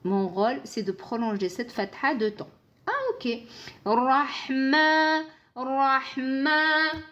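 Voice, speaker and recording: A woman's voice: mid-range voice, muffled recording. A woman teaching a live online Arabic pronunciation lesson in French, playing out little dialogues between the letters and herself. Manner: acts out dialogues with letters, slow and patient explanations.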